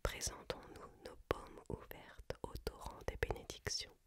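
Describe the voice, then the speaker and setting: Someone whispering a book reading for asmr, hushed library whisper, really slow and measured. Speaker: reader.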